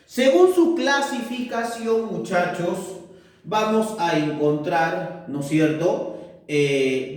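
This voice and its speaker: Man, language teacher, high voice, checks in with class often, far from mic, very echoey room. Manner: patient, keeps asking ¿correcto? and ¿no es cierto?. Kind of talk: recorded class explanation.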